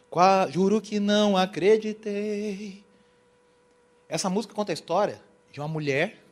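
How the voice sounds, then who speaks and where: A young man from Brazil giving a lively church lecture on worship, telling stories and acting out quotes. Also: on the high side. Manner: animated, storytelling, acts out quotes. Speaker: worship teacher. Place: church hall.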